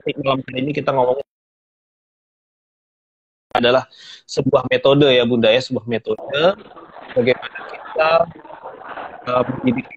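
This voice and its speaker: A man's voice: mid-range voice, flat delivery, normal speed, long pauses, breathy edge. A man hosting an online parenting class, chatting casually and affirming often. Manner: agreeable, frequent affirming fillers. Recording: dull lo-fi audio with faint noise.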